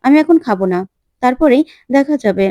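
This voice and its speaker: A woman voicing a calm, protective young woman in a retold TV serial, giving soothing but firm advice. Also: high voice, brisk, no room sound, muffled recording. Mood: reassuring.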